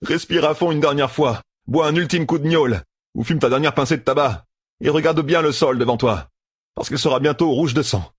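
A man's voice: on the high side, brisk, husky, no echo, clean studio sound, voice pushed up. A man voicing a brash young gambler turned general who commands with urgency, in an audiobook. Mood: grim. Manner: urgent, commanding, shouts orders.

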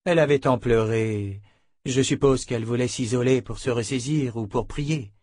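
A man's voice: mid-range voice, normal speed, darkish tone, no echo, close to an everyday voice. A man voicing a stern female warrior bodyguard. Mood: calm.

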